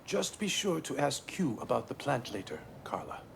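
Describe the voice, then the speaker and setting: Earnest, expressive male scientist. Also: medium pitch, normal speed, creaky, slight background noise, full character voice. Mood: weary, conciliatory. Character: ailing, earnest man who leads a laboratory. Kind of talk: video game voice acting.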